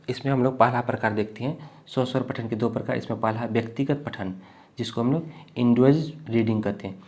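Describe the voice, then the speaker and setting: A man from the teaches an exam-prep lecture while unwell. He explains slowly and repeats himself, often checking in with "thik hai". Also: mid-range voice, darkish tone. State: unwell, coughing.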